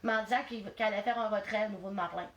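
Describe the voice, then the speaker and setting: A woman with a Quebec French accent, a mother being interviewed, speaking hesitantly and softly. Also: medium pitch, fairly even intonation, very fast, muffled recording. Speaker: interview guest. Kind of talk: casual interview. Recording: echoey room, faint noise.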